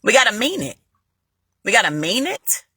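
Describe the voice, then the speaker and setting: A woman tells a personal faith story straight to her viewers, with a bright, husky voice. Her pitch swoops up and down as she repeats lines for emphasis. The sound is dry and close, with no room echo. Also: normal speed. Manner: animated, repeats phrases for emphasis, addresses viewers as y'all. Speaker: vlogger sharing a faith testimony. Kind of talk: casual spoken testimony.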